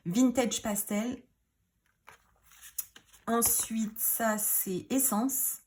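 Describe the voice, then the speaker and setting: A woman in casual show-and-tell, chatty and rambling, with many fillers, self-corrections and quiet muttered asides. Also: on the high side, fairly even intonation, extremely slow. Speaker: craft YouTuber.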